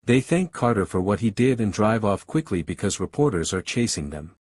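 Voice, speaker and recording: Husky man, low voice, steady scripted narration, movie recap style. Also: normal speed, no echo.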